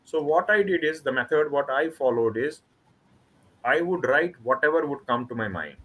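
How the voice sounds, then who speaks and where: A Kashmiri author with an Indian accent chats casually in an online book club, his mid-range voice fairly bright with lively intonation. He speaks haltingly, often restarting sentences and repeating words, on a rough recording.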